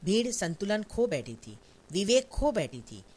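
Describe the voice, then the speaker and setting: Solemn wounded man voiced by the reader, firm and lively in pitch. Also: a little slow, breathy edge, exaggerated voice.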